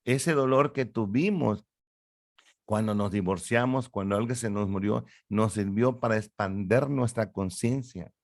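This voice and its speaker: A middle-aged man, a psychologist explaining ideas in an interview in an animated, lecturing way with rhetorical questions. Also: on the low side, measured pace, dry recording, clean studio sound. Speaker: psychologist guest.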